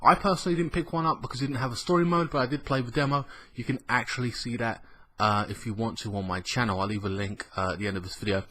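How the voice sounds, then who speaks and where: A man with a slightly croaky, under-the-weather voice, hosting a casual gaming news vlog in a rambling, colloquial, sweary way. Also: mid-range voice, fairly even intonation, quick pace, bright, forceful tone. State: ill with a cough. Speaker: gaming news show host.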